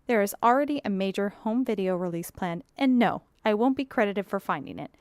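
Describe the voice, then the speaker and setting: A woman's voice: medium pitch, expressive, a little fast, darkish tone, dry recording, close to an everyday voice. Woman reading as a sarcastic young archivist. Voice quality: dry, sarcastic, chatty. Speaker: audiobook narrator voicing a blogger. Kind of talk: audiobook reading.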